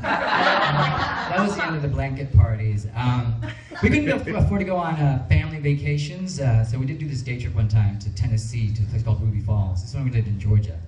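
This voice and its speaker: A man's voice: mid-range voice, lively intonation, a little fast, few pauses, far from the mic, faint music behind. A man doing self-mocking stand-up comedy at a club, with plenty of ums and uhs. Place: comedy club with live audience. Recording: roomy stage sound from afar.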